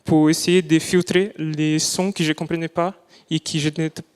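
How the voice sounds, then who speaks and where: A young adult man, not a native French speaker, presents his student project live in a lecture hall, speaking carefully and restarting often while he hunts for words. His voice is fairly high, smooth and at a moderate pace with little pitch movement, and the hall adds long reverb.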